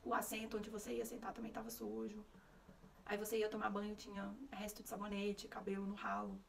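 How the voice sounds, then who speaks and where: A woman's voice: medium pitch, completely flat delivery, fairly quick, creaky, recorded from a distance, slight background noise. A young woman from Brazil with a Brasília Portuguese accent, telling a personal story to camera in a candid, conversational way and acting out the dialogue. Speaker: vlogger.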